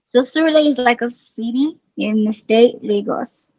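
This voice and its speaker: Speaking with a higher-pitched voice, a Nigerian singer in her thirties laughs often and trails off gently as she chats in an interview. There's no echo, though the recording sounds muffled.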